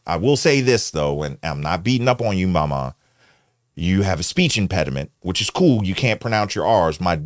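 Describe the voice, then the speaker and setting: A man's voice: low voice, dry recording, studio quality. A middle-aged American man giving casual, slangy, teasing reaction commentary as a show host. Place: indoor home studio. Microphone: close studio mic on boom arm.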